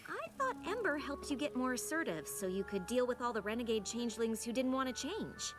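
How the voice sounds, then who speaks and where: Brief: actress as a calm, sensible cartoon unicorn, high and lively voice, music behind. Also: female voice, a little fast, lightly acted. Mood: friendly. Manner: patient, sensible. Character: level-headed young female unicorn pony. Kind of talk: cartoon voice acting.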